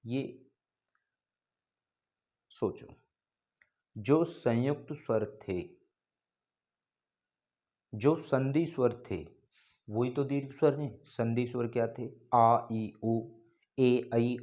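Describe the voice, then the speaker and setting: A man teaching an exam-prep grammar lesson, explaining slowly and repeating points, stretching out called-out names. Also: medium pitch, mellow, highs cut off. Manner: slow, repetitive explaining, drawing out called-out names.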